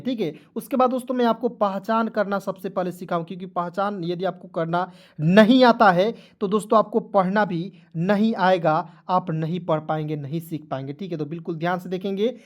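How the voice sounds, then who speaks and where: A patient male teacher walks beginners through the alphabet in an online class. He says each letter slowly and deliberately, then stops to check that his viewers are keeping up. He speaks to them as friends. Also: high-pitched. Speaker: English teacher.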